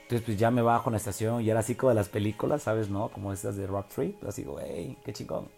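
A young man from Oaxaca speaks with a Mexican Spanish accent, his voice low and mellow. He tells his story in a loose, slangy way, full of fillers and tag questions. Soft music plays quietly behind him. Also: steady tone, fast, vocal fry. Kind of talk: casual personal storytelling.

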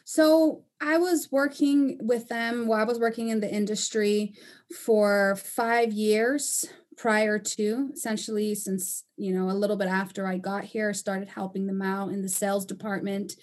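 A woman's voice: medium pitch, level tone, a little slow, darkish tone. A woman from Panama and Costa Rica, a native Spanish speaker, talking candidly as an interview guest with frequent fillers. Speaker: construction company owner, guest. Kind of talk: casual interview.

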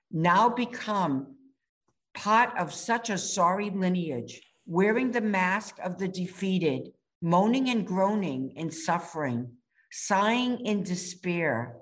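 A woman reading a sermon text aloud in a measured, solemn way. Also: on the low side. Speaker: reader.

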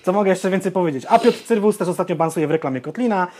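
A man's voice: high voice, very fast. A young man co-hosting a podcast, blunt and opinionated, ranting and swearing in casual chat. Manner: blunt, swears, ranty and animated. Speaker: podcast co-host.

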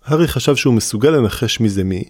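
A man narrating a fantasy story in an audiobook with a steady, measured reading. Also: medium pitch, no echo, studio quality. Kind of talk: scripted narration.

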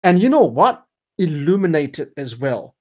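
Husky, higher-voiced man. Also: big pitch swings, a little slow. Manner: emphatic, checks with 'right?'. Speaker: panel host. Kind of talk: casual analytical chat. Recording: dull, band-limited audio.

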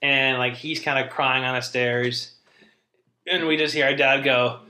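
A man's voice: medium pitch, steady tone, measured pace, pushed and bright, roomy sound. A young man, a podcast co-host, telling family stories in casual chat, rambling and interrupting himself with laughs.

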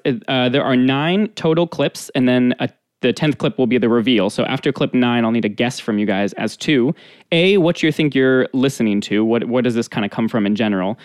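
A man's voice: medium pitch, clean tone, dry recording. A man hosting a podcast over a video call, upbeat and joking as he runs a guessing game. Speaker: podcast host. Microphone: video call setup.

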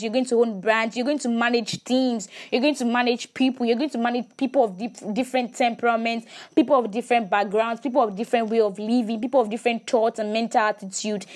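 Woman giving emphatic faith talk. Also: on the high side. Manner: emphatic, repeats words, rhetorical questions. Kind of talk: casual faith talk to viewers.

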